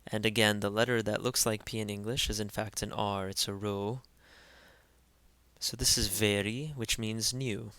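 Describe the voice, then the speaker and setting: A man teaching pronunciation in an instructional voice-over, carefully spelling out each sound and repeating every word slowly. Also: fairly low pitch, level tone, bright, forceful tone, smooth, no room sound. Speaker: language teacher.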